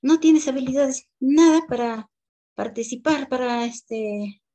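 A woman's voice: mid-range voice, measured pace, darkish tone, natural voice. A woman with a Peruvian accent playing a harsh, scornful female schoolteacher who scolds in a raised voice. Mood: scolding. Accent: Peruvian Spanish.

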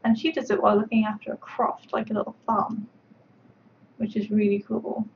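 A woman's voice: medium pitch, completely flat delivery, normal speed. A woman sculptor chatting casually on a livestream while she paints, rambling along with plenty of fillers. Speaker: sculptor livestreaming her work. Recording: dull lo-fi stream audio with faint background noise.

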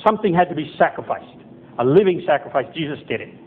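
A man's voice: on the high side, animated, fast talker, breathy edge. A middle-aged man preaching a conversational sermon as pastor in a chapel, correcting himself as he goes. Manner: conversational, self-correcting, acts out quoted voices. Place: church chapel hall with projector screen, indoors. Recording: tinny phone-like sound with faint noise.

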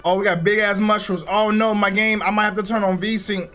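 A man's voice: sits high, flat delivery, fairly quick, fairly bright tone, faint music behind. A young man giving joking, slangy commentary on a horror game he is playing. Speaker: gaming YouTuber. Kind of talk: let's play commentary.

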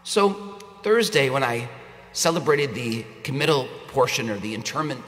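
A priest reading the gospel and then preaching a homily at Mass, proclaiming in a measured way before talking plainly with some restarts, his voice carried by a cathedral echo. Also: medium pitch, expressive, a bit bright. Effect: cathedral echo with long reverb. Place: large church. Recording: echoey church with long reverb.

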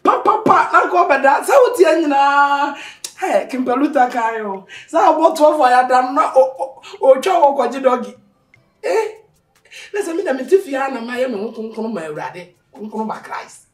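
A man with a Ghanaian accent playing an excitable comic house servant who pleads and rambles in pidgin. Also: extremely high pitch, normal speed, roomy sound. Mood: ranting. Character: jumpy comic male servant pleading with his boss. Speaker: house help. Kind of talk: comic drama acting.

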